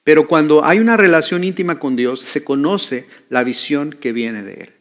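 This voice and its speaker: A male pastor with a slightly high voice preaches in a conversational way. He keeps asking the congregation questions and checking that they follow along. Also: moderate pace. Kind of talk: sermon.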